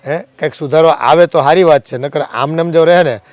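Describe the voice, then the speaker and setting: A man plays an earnest elderly uncle who worries about quarrels tearing the family apart. He talks in a pleading, heartfelt way. Soft music plays under his voice. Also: a little high, fairly quick, dry recording, close to an everyday voice. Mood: worried.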